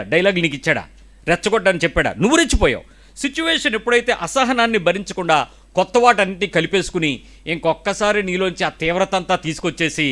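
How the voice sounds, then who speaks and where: A male preacher with a Telugu accent and a notably high voice delivers his sermon with vigor. He keeps prodding the congregation with rhetorical questions and emphatic turns. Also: pushed and bright.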